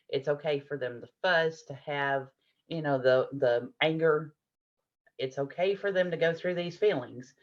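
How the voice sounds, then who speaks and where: Low-voiced woman teaching a parenting class. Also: dull audio. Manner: warm explanatory, acts out adult and child lines. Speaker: parenting workshop presenter.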